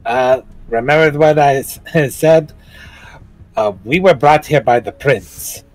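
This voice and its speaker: A man's voice: a little high, takes it slowly, faint music behind, poor audio. A man chatting casually and in character as a player in a tabletop game.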